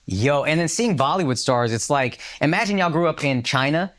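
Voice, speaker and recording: Animated man telling a story. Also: a little high, moderate pace. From United States. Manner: animated storyteller, swears freely, acts out quotes. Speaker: podcast co-host. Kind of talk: casual podcast chat.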